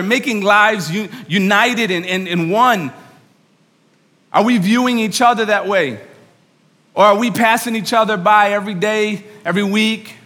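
A man preaching earnestly and excitedly to a congregation, often repeating and rephrasing himself. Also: high-pitched. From New York. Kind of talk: sermon to a congregation. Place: large room, speaking to an audience. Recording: reverberant hall sound.

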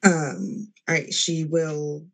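A woman's voice: low voice, expressive, slow, fairly bright tone, rough recording. A woman playing a tabletop game, casually describing what her character does. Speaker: player. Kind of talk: tabletop role-play.

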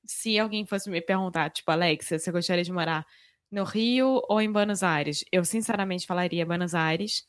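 A woman's voice: on the low side, moderate pace, no room sound, studio quality. A Brazilian woman co-hosting a podcast in casual conversation, speaking expressively and emphatically. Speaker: podcast co-host.

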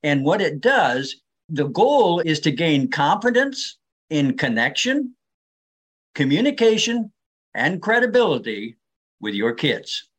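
A man's voice: on the high side, big pitch swings, slow, a bit bright, breathy edge. An older man speaking as an interview guest, explaining things in an earnest, persuasive way. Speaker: interview guest, reading advocate.

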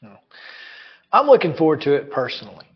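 A male sports host chatting easily with his guest, chuckling and repeating words as he thinks. His voice sits a bit high for a man. The sound is dull and lo-fi. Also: big pitch swings, brisk. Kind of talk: casual sports talk.

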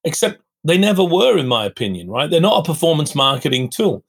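A middle-aged man with a husky, breathy voice sitting a little high for a man. He talks bluntly and profanely, full of conviction, as a guest on a podcast interview. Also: sing-song, a little fast. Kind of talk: candid interview talk.

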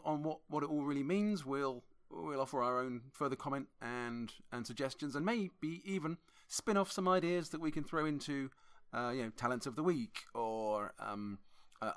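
A man's voice: mid-range voice, moderate pace, hardly any pauses, smooth. A man co-hosting a casual podcast who sums up the discussion in a reflective, appreciative way. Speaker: podcast co-host.

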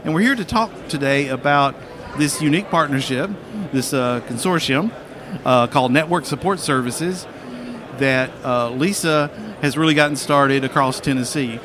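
A male podcast host interviews guests live on a busy convention floor. His mid-range voice moves haltingly through introductions and questions, with the clear bustle of a crowd all around him. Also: medium pitch. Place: busy convention expo hall. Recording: busy expo hall crowd behind. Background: crowd and hall bustle.

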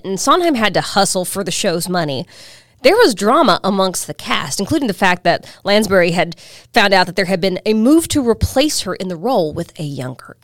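A woman's voice: fairly low pitch, dry recording, clean studio sound. A woman hosting a history podcast, reading scripted narration in a dramatic storytelling manner. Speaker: podcast host.

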